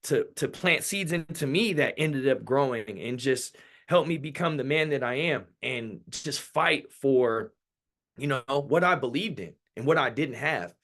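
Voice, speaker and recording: A man's voice: medium pitch, lively intonation, unhurried, fairly bright tone. Candid man telling his life story. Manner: candid, loose storytelling with many fillers and restarts. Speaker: workshop speaker. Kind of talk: personal story in a workshop talk.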